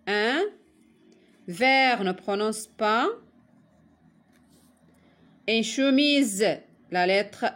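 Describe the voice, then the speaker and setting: A woman teaches a children's spelling lesson at a very slow, deliberate pace. Her voice sits fairly high, and she lingers on every word and sound as she names them one by one. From Morocco. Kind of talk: primary-school spelling lesson.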